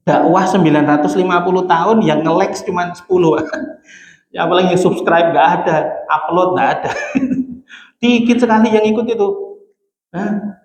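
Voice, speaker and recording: A middle-aged man giving a conversational sermon, telling stories and acting out dialogue with chuckles. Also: fairly high pitch. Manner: animated, acts out dialogue, chuckles at own jokes. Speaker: Islamic preacher. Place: large mosque hall. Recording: echoey mosque hall with long reverb.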